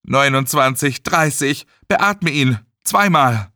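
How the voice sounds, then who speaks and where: A man voicing a steady man who gives firm first-aid orders and calms his friend. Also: medium pitch, slow pace, no echo, clean studio sound, voice pushed up. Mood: urgent. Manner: firm and commanding.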